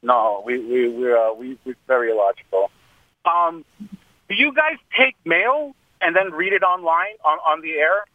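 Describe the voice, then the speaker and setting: A man's voice: fairly high pitch, big pitch swings, normal speed, no room sound. A man calling in to a radio show over a choppy phone line that keeps breaking up, talking in a casual, rambling way with lots of fillers. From Queens, New York. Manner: rambling, hesitant with many fillers. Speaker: caller. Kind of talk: casual call-in chat.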